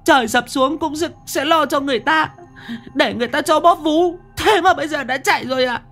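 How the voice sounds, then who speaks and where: A man voicing a flustered young village woman who wails in a high falsetto. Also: brisk, sharp tone, faint music behind, full character voice. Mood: scolding.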